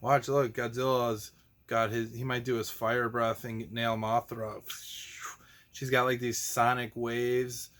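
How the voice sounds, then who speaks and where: This man's mid-range voice barely moves in pitch, and he takes his time, sounding fairly bright. He hosts a children's show and teaches, showing toys in a casual, playful chat marked by theatrical silliness and goofy exclamations.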